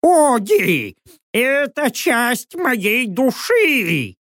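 A man voicing a foul-mouthed old witch who speaks through a mechanical owl, screeching high and swearing in an audiobook. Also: very animated, drawn-out words, fairly bright tone, dry recording, studio quality, exaggerated voice. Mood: pleading. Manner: shrill, squawking and cursing.

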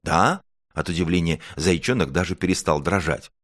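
A man narrating a children's fairy tale, with animated storybook telling. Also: low-pitched, normal speed, no room sound, studio quality. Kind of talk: storybook reading.

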